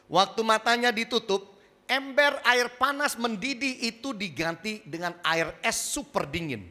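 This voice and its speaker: Lively, bright-voiced male preacher. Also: sits high. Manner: lively preacher, swings from loud emphasis to quiet asides. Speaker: pastor. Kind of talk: sermon. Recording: church hall with reverb.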